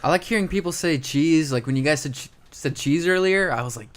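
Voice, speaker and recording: A young man co-hosting a casual podcast, easygoing and quick to laugh. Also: on the high side. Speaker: podcast co-host. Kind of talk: casual chat.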